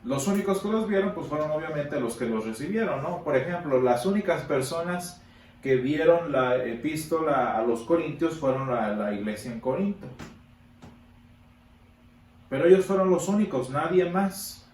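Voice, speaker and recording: A man with a fairly high voice teaches a Sunday school Bible lesson, stressing points by repeating words and pausing on fillers. He sounds set back from the mic in an echoey hall. A faint hiss sits under him. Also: lively intonation, a little mellow. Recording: echoey room from a distance, faint background noise.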